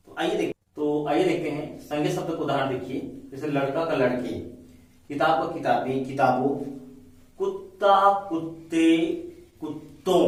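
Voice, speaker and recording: A man's voice: mid-range voice, a little mellow, far from the mic. A man teaching a grammar lecture to exam students, who explains patiently and repeats each point with simple examples. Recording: echoey room, voice from afar.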